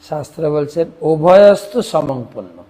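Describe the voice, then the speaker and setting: A man preaches a devotional sermon in an unhurried, measured way. His voice sits a little high for a man. He slips into a lilting chant of the mantra and playfully copies other regions' pronunciations. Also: dark tone. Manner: chants the mantra in a singsong rhythm between spoken teaching.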